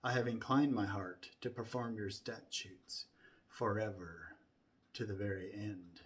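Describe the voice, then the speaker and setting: A man reciting scripture from memory in a solemn, deliberate way, starting phrases with emphasis and softening toward the ends. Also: on the low side, fairly even intonation.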